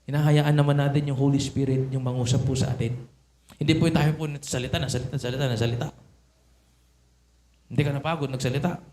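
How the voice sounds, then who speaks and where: A man's voice: medium pitch, fairly even intonation, fast, long pauses, a little mellow. A man preaching a sermon in Tagalog mixed with English, often asking the congregation rhetorical questions. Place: church sanctuary. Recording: echoey church hall.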